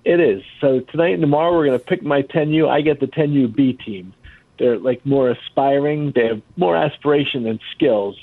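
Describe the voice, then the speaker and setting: A male radio caller on a tinny, dry phone line. He speaks casually at a middle pitch, in the conversational style of someone phoning a talk show. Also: normal speed, no echo.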